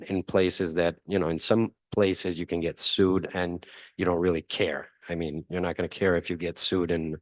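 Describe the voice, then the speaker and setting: A man's voice: low-pitched, no echo. A man from Italy, a guest journalist answering audience questions in a hesitant way, with many fillers and restarts and light laughs.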